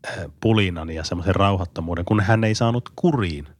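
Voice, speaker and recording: A man with a deep voice co-hosts a casual podcast. He is recorded dry and close. He reminisces thoughtfully and laughs easily. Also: no room sound. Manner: reflective storyteller, laughs easily. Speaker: podcast co-host, teacher.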